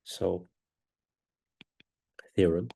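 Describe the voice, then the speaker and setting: A man lectures on a mathematical proof in a warm tone, breaking it into steps. His nose is stuffy from a cold, and he speaks haltingly and deliberately.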